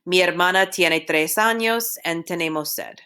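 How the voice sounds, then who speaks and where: A woman's voice: on the low side, normal speed, bright, forceful tone, clean tone. A woman teaching Spanish over a recorded slideshow, steadily drilling verb forms one by one.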